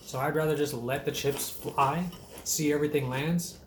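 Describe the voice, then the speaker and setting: A man's voice: on the high side, fairly even intonation, normal speed, reverberant, a little hiss or hum. A man hosting a casual chat, laid-back, joking and profane.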